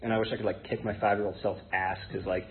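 Speaking as a guest at an AA meeting, this thirtysomething American man shares his story in a fairly low, level voice, hesitant and rambling. He was born in Hong Kong to an English identity and grew up in Connecticut. The sound is thin and phone-like, with background noise.

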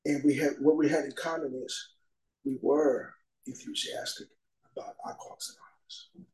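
A man's voice: a little high, fairly even intonation, moderate pace, a little mellow, reverberant, low-quality recording. A middle-aged man giving a long, rambling personal recovery talk as a guest speaker, peppered with "you know" asides.

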